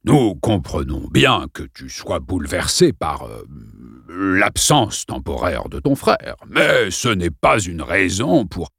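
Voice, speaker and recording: Un vieux directeur d'école lugubre et pompeux, joué par un homme dans un livre audio, à la voix sépulcrale, grave et rocailleuse. Il parle très lentement, avec des silences. Le timbre est voilé et le son est sec. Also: male voice, low voice, big pitch swings, slow pace, gravelly, fairly bright tone, slightly rough, dry recording, clean studio sound, heavily acted. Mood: solennel. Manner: lent, hésitant, solennel.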